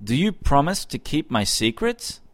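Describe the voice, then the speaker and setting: A clever young girl from a folk tale, as a man puts her on. She speaks firmly in a raised, lively voice. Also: on the high side, moderate pace.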